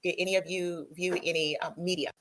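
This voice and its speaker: Woman judge in a courtroom recording, fast and low. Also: little pitch movement, a bit bright, low-quality recording. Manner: brisk, procedural, with frequent ums. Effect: courtroom recording played back. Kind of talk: presiding over court proceedings.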